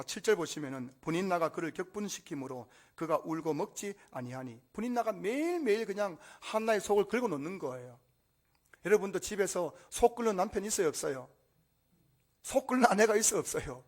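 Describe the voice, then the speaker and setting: A male pastor preaching a sermon, asking the congregation rhetorical questions with emphatic delivery. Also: high-pitched.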